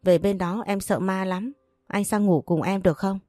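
A woman's voice: mid-range voice, steady tone, normal speed, dark tone, dry recording, clean studio sound, faint music behind, close to an everyday voice. A woman voicing a spoiled, sneering young sister-in-law. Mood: whiny. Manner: mocking and boastful.

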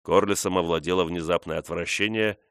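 Man narrating an audiobook, deep voice, dry close sound. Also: fairly even intonation, brisk, fairly bright tone, clean tone, no echo. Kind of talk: scripted narration.

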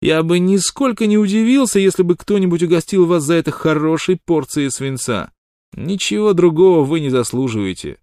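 A man reading an audiobook, voicing a brash, excitable male prospector sidekick in a loud, mocking manner. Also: medium pitch, a little fast, no echo, clean studio sound, voice pushed up, close to an everyday voice. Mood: indignant. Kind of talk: audiobook character voice.

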